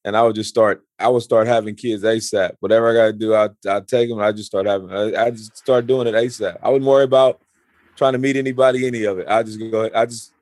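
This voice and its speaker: A man's voice: lowish voice, flat delivery, darkish tone, dry recording, clean studio sound. A man in his forties chatting casually, often stumbling and restarting his sentences. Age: 40s. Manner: halting, repeats words and restarts often. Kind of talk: casual chat.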